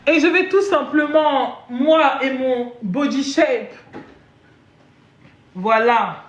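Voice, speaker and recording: A woman live streaming a comedic chat, boasting and switching into deliberately broken English. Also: high-pitched. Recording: dull echoey room audio.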